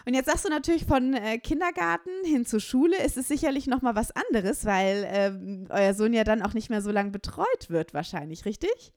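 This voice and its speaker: A woman with a somewhat high voice hosts a podcast interview. She asks long, friendly, rambling questions full of fillers. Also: animated, normal speed, few pauses, a little mellow. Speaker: podcast host. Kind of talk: casual interview talk.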